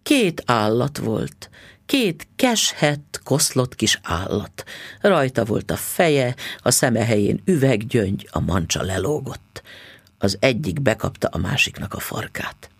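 A man narrating a story in an expressive, audiobook style. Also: medium pitch, slightly rough, no room sound.

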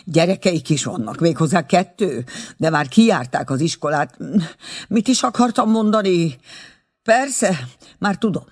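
Guy doing a squeaky nervous old auntie voice, babbles on and on, bit husky. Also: animated. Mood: rambling. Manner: chattering, losing her thread. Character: fussy timid stout old woman, rambling.

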